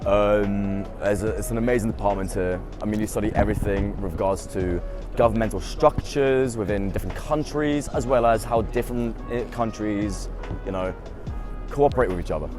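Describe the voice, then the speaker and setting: Music plays behind this fairly low-pitched male voice moving at normal speed. The speaker, in his twenties and raised in the UK, is a students' union officer fielding interview questions in a bright, talkative way, often saying "I mean" and "um."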